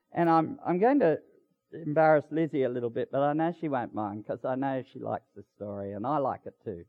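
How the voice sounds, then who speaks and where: A man preaching a sermon as a Baptist minister, speaking with warm pastoral emphasis. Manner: lively, swinging pitch with warm pastoral emphasis. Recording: dull lo-fi sound.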